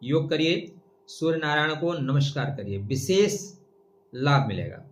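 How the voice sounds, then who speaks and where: A man's voice: a little high, expressive, measured pace, reverberant. A middle-aged man giving a yearly horoscope reading as an astrologer, emphatic and declaiming verse and Sanskrit lines.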